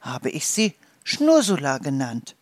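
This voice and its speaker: A cheerful farmer's wife in a children's story speaks bright and friendly, as a storyteller voices her. The pace is slow, and the recording is dry and close. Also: mid-range voice, wildly swooping pitch, no echo. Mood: explaining. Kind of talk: storybook reading.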